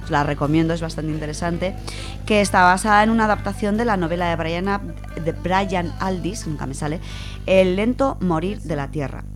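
With music behind her, a woman whose voice is lowish and paced at normal speed presents a biographical radio segment informally from notes. Her accent is from Spain, and she keeps a familiar tone with listeners, adding colloquial asides.

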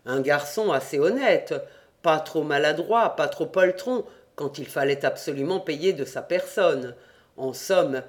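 A man reading an adventure novel aloud in first person, calm and measured. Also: a little high. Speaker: audiobook reader. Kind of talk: scripted narration of an adventure novel.

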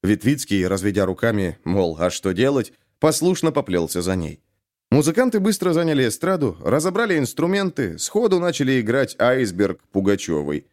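Lively male audiobook narrator. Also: medium pitch, fairly quick. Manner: expressive storytelling.

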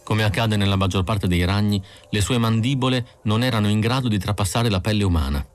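A man narrating an audiobook with slow, measured reading. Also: fairly low pitch, soft background music. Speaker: audiobook reader.

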